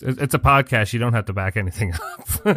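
A man's voice: on the low side, background noise. Wry, laid-back podcast co-host man. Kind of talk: casual chat.

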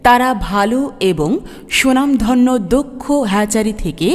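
A woman's voice: on the high side, animated, a little slow. Woman announcing over a ringing PA. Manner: clear, persuasive sales delivery. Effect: echoing announcement as if over a PA loudspeaker. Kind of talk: promotional loudspeaker announcement. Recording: long hall reverb.

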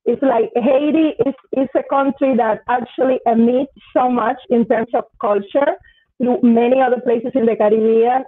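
A woman who researches dance, speaking thoughtfully on a video call, pausing often with "uh". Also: a little high, dry recording. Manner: thoughtful, hesitant with many "uh"s. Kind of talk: panel discussion on video call. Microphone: laptop mic on video call. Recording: dry tinny phone-like audio.

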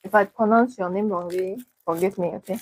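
A woman's voice: mid-range voice, fairly even intonation, fairly quick, a little hiss or hum, low-quality recording. A woman in her thirties with a Singaporean English accent, chatting casually on her vlog on a lapel mic in an office. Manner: chatty, self-mocking, speeds up in bursts. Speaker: trading educator. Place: office with bookshelves, indoors.

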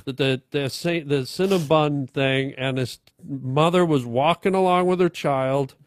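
A middle-aged man making a mock-earnest comedic pitch in a halting, deadpan way into a studio mic. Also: a little hiss or hum. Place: podcast studio. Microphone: boom-arm studio mic with headset.

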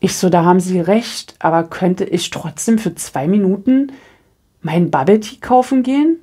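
A middle-aged German woman reading tarot cards, chatting casually and telling an animated, self-deprecating story. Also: medium pitch, normal speed, slightly rough. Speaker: tarot reader. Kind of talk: casual chat.

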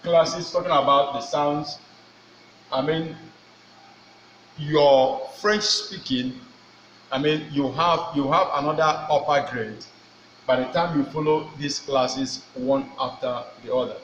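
A man's voice: a little high, steady tone, takes it slowly, a bit bright. A middle-aged man teaches pronunciation as a teacher, repeating himself in a drilling manner and asking rhetorical questions. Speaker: French teacher. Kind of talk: whiteboard pronunciation lesson. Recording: echoey room, dull sound, faint noise.

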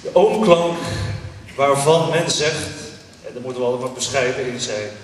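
A man calmly guiding a group through mantra singing, in a slow, measured, soft way. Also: mid-range voice, a little hiss or hum. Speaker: meditation leader. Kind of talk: calm spoken guidance. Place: large hall, in a group. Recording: echoey hall, mic far off.

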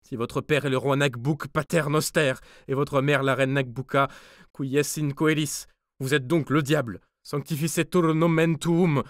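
A man's voice: on the high side, fairly even intonation, a little slow, dry recording, studio quality, pitched above the performer's own voice, close to an everyday voice. Give me a frightened guard at a gate, as a man acts him out, voice raised and shaky. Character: frightened male palace guard, gruff soldier.

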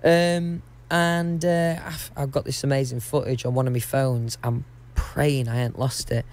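A man's voice: medium pitch, unhurried. Man reminiscing in an interview. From England. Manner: reflective, relaxed, hesitant with fillers. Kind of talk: casual interview talk.

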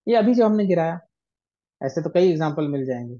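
A man's voice: fairly high pitch, expressive, fairly quick, dark tone. Male poetry teacher, patient, counts syllables aloud, dull lo-fi call audio. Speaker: ghazal teacher. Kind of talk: online workshop lesson.

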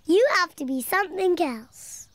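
A woman's voice: very high-pitched, expressive, normal speed, background noise. A woman voicing a cheerful little girl piglet in a cartoon, bubbly and giggly, a little bossy. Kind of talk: cartoon voice acting.

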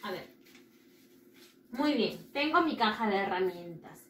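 A woman teaching children English vocabulary, repeating each word slowly for them to copy. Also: medium pitch, animated, a bit bright, recorded from a distance, a little hiss or hum. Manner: drills words slowly with repeated pronunciation. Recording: roomy echo with faint ambience.

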